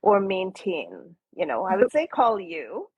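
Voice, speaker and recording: Husky-voiced woman hosting a chat. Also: medium pitch, huge pitch swings, a little slow, no room sound, muffled recording. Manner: chatty, many fillers and restarts. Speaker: real estate agent and podcast host. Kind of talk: casual interview chat.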